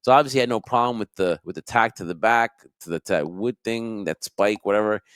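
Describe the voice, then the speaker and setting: A man co-hosting a podcast, chatting casually about wrestling in a rambling, animated way. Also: lowish voice, quick pace, smooth, no echo, clean studio sound. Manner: animated, rambling, laughs often. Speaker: podcast co-host.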